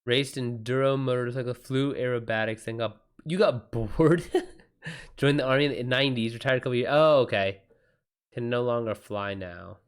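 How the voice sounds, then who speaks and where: A man hosts a casual livestream, reading and answering viewers' writing questions as an author in slangy, sweary language. His voice is medium-pitched, clear and resonant, at a moderate pace.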